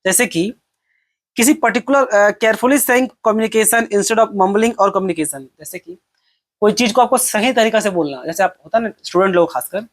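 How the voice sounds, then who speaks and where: Chatty male teacher explaining exam topics. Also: high-pitched. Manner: conversational, poses rhetorical questions and answers them; mixes English terms into Hindi explanations. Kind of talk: exam-prep lecture.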